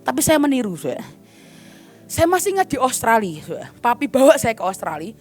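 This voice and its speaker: Woman preacher, high voice, animated storyteller, faint music under her. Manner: animated, acts out quoted voices, addresses the congregation as "saudara". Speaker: evangelist. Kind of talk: sermon with storytelling.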